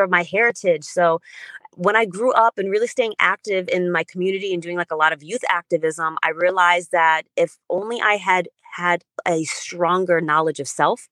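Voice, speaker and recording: Earnest, enthusiastic author with a low voice. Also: female voice, a bit bright, no echo. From Germany. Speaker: children's book author, guest. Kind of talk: podcast interview.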